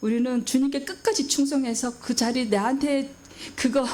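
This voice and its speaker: High-voiced woman pastor preaching. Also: fairly even intonation, moderate pace, a little mellow, a little hiss or hum. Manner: emphatic, questions the congregation and acts out quoted voices. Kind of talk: sermon.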